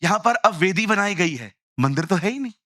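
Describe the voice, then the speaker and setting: Bright high-voiced preacher man. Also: a little fast, no room sound, studio quality. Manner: animated storytelling, acts out quoted voices, jokey asides. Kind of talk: lively Hindi sermon mixed with English phrases.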